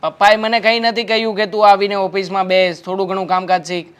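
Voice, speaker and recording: A man's voice: high voice, level tone, quick pace, clean tone, natural voice. A young man playing a carefree husband, breezy and dismissive in a family drama.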